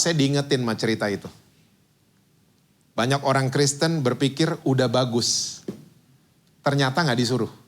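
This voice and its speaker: A man in his fifties, a pastor preaching a sermon. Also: fairly high pitch. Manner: lively storytelling, mixes in English phrases. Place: church stage.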